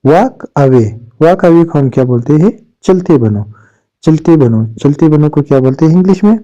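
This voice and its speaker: A male English teacher with an Urdu accent, a native Urdu speaker, giving a vocabulary lesson and slowly repeating each English word. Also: on the high side, expressive, dark tone. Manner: slow, drawn-out repetition of English words. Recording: dull lo-fi recording.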